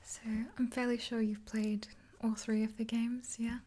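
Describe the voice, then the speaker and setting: Whispering breathily and close to the microphone, an ASMR creator in her twenties plays a makeup artist friend, chatting one-sidedly with the listener while facing the camera. Her fairly high, dark-toned whisper is level, measured and soothing, if hesitant. She's in a small indoor room with a dark backdrop, and there's slight background noise.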